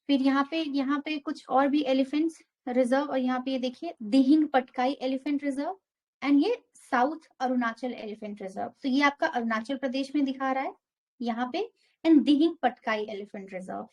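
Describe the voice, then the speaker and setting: A woman's voice: sits high, muffled recording. A young woman teaching an exam prep geography lesson, walking through a map step by step and mixing English terms into her Hindi.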